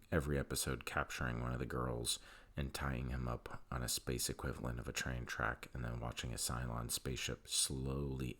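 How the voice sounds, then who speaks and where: Gravelly deep-voiced man reviewing TV. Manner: rambling, with many fillers and restarts; candid and opinionated. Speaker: TV episode reviewer. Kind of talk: casual spoken review.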